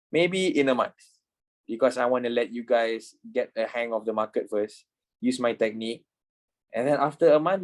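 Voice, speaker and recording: A man's voice: medium pitch, darkish tone, poor audio. Young man teaching a casual online class. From Malaysia. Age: 20s. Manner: informal, repetitive, swears casually. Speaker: trading instructor.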